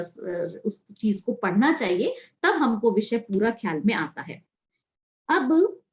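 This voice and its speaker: A woman's voice: fairly high pitch, darkish tone. Female teacher, scripture class, explanatory and questioning, roomy lo-fi sound. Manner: explanatory, asks and answers her own questions.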